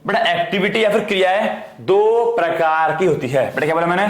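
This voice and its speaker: Brief: male teacher, fairly high voice, drills students with repetition, echoey room. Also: lively intonation, fairly quick, a little hiss or hum. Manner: repetitive call-and-response drilling, addresses students as "beta". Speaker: economics teacher. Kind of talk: online class lecture.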